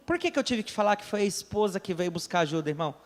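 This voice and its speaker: A pastor from Brazil preaching a sermon, telling a story and acting out the people in it, with questions to the congregation. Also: male voice, high-pitched, big pitch swings, racing, in a large hall. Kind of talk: sermon with acted dialogue. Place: church during a service.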